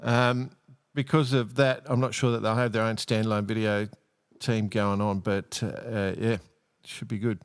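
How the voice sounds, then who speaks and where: A man's voice: lowish voice, flat delivery, moderate pace, few pauses, clear, resonant tone. A man hosting a casual podcast chat in a blokey, matey way. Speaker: podcast host.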